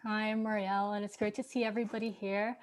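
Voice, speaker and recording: A young woman from Manila, Philippines, a graduate student, gives a brief, warm self-introduction on a video call. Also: mid-range voice, little pitch movement, fast.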